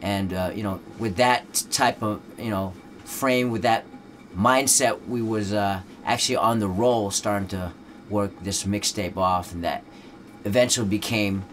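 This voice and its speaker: A Dutch rapper with English as his second language chats casually in an interview, laid-back and loose with plenty of fillers. His male voice is on the low side, with fairly even intonation and a measured pace, over slight background noise.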